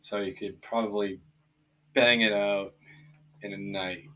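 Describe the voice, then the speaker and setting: Male co-host, casual podcast chat, laid-back, halting with frequent "um"s. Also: on the low side, fairly even intonation, pushed and bright, slight background noise. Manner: easygoing, many "um" pauses, recommends and plugs.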